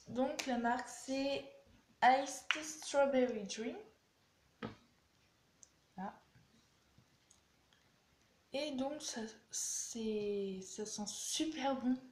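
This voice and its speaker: A woman's voice: on the high side, darkish tone. A young woman vlogger chatting bluntly and animatedly through a casual beauty product review. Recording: echoey room with faint noise.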